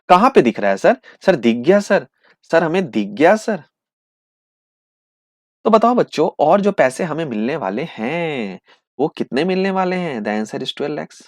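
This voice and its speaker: A man teaching accountancy in with terms, asking questions and answering them himself, slowing right down to dictate entries. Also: a little high, no echo, studio quality. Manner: lively, asks and answers his own questions, slows to dictate entries. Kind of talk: classroom lecture acting out students' replies.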